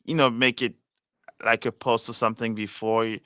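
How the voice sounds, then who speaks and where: Man, podcast host, bright voice, dry recording, relaxed casual talk. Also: mid-range voice, normal speed, no room sound. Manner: relaxed, reads out chat comments. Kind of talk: casual chat.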